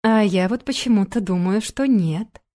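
A woman voicing a scornful, mocking blonde ex-wife and mother who talks in a sugary, condescending way, in a mellow voice. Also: medium pitch, normal speed, close to an everyday voice. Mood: sneering.

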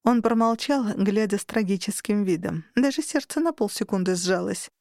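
A woman narrating a fantasy audiobook in the first person, with expressive, steady storytelling. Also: medium pitch, normal speed, creaky, no echo, studio quality.

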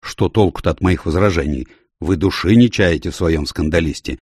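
Male reader playing a grumbling, blunt old landlady, gruff but kind, low husky voice. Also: moderate pace, a little mellow, no room sound, clean studio sound.

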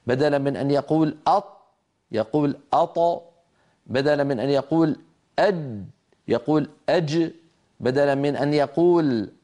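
A man's voice: medium pitch, darkish tone. A man teaching Quran recitation in a televised lesson, patiently sounding out letters and asking listeners to repeat them. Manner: asks listeners to repeat after him.

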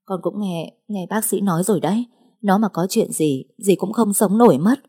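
A woman playing a desperate middle-aged mother, tearful and imploring, in an audiobook. Her voice is husky and dark, a little raised when she begs. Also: medium pitch, moderate pace, natural voice. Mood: pleading. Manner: imploring, insistent.

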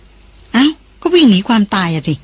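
A reader voicing a calm, protective young man in an audiobook, speaking evenly in a gentle, reassuring way with a husky tone. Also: high voice, normal speed, no room sound, full character voice. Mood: gently teasing. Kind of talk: audiobook dialogue reading.

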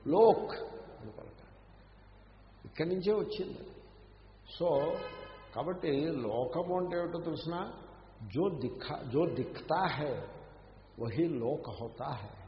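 A man teaching scripture in a big hall, his voice echoing and trailing off in a long reverb. The recording is dull and lo-fi. He explains by asking rhetorical questions and chants verses slowly. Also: on the high side. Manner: slips into slow chanted Sanskrit verses. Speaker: spiritual teacher. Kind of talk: scripture discourse.

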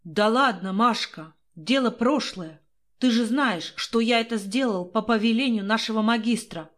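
A woman's voice: fairly high pitch, lightly acted. A woman voicing a scared, cowardly husband. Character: frightened unfaithful young husband, cowardly.

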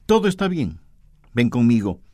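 A man voicing a soft-spoken gentle king. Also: mid-range voice, wildly swooping pitch, normal speed, husky, no echo, clean studio sound. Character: gentle generous king, calm and kind. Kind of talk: storytelling in a sermon.

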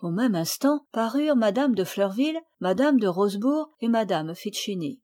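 A woman narrating a children's classic as an audiobook, with a clear, expressive reading. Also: mid-range voice, normal speed. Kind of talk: storybook reading.

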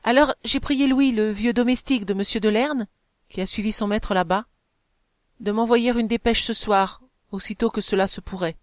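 Brief: a woman playing a distraught young wife in a storybook reading, feverish and bitter, pitched higher, dry close sound. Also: no room sound, lightly acted. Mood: tense. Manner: anguished, quick and feverish.

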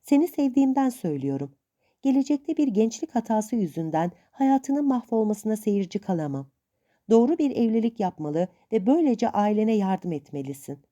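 A woman voicing a stern, scolding old rich aunt with a sharp, bossy, lecturing manner in a storybook reading. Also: fairly high pitch, very animated, moderate pace.

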